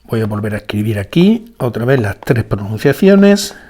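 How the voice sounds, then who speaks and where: A man teaching a spoken language lesson, going slowly and deliberately, repeating each example word and checking in with rhetorical questions. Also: on the low side, big pitch swings, dark tone, breathy edge. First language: Spanish. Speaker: English teacher.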